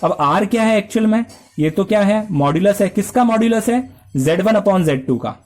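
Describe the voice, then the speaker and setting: A man's voice: high-pitched, animated, fairly quick, a little mellow. A male math teacher lecturing a class, explaining step by step and asking and answering his own questions.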